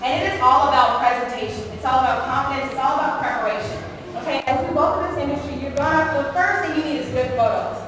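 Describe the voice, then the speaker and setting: A high-voiced young woman talks fast and candidly, dropping quick quoted asides as she speaks to a panel audience. She is picked up from far off in an echoey hall with noise underneath. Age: 20s. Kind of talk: motivational panel talk. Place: large event hall.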